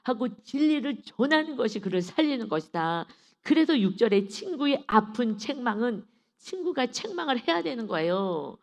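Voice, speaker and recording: A woman's voice: on the high side, very animated, normal speed. A woman pastor giving an early-morning sermon, emphatic and full of rhetorical questions, now and then acting out what ordinary people say. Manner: acts out quoted speech of everyday people.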